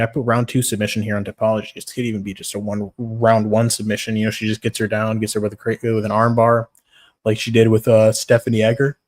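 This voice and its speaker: A tired young man casually chatting on a livestream, giving fight picks, swearing now and then and greeting viewers by name. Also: on the low side. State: tired, yawning.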